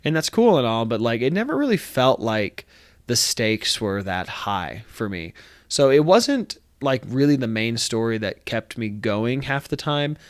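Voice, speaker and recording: A man's voice: medium pitch, big pitch swings, unhurried. A young man talks casually about a game he has been playing. His nose is stuffy and congested, and he rambles through frequent fillers and restarts. He sits in a dry, close room with almost no echo. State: congested from allergies. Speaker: gaming video host. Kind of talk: casual talk to camera. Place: friend's apartment room.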